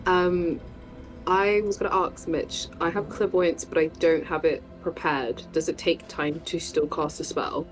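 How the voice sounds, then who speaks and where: A woman's voice: low-pitched, fairly even intonation, unhurried, soft background music, low-quality recording. A woman playing a tabletop role-playing game, chatty and giggly, rambling a little as she thinks. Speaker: player. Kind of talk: casual tabletop play.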